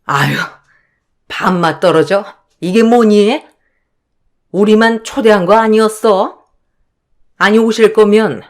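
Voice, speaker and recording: A woman doing a snobbish older mother-in-law in a read-aloud drama story, sneering and contemptuous, talking slowly and deliberately so each insult lands. the scorn sits in every line. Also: medium pitch, natural voice.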